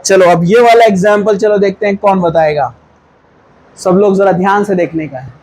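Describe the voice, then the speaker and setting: High-voiced man teaching a chemistry class. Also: moderate pace, darkish tone, slight background noise, poor audio. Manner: coaxing, quizzing students with repeated questions. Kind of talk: classroom lecture.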